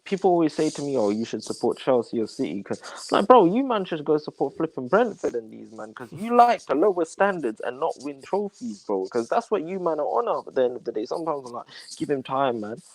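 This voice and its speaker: A man's voice: on the high side, big pitch swings, a little fast, hardly any pauses, dry recording, poor audio. A man co-hosting a casual football podcast, slangy and emphatic, saying "bro" often. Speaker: podcast co-host.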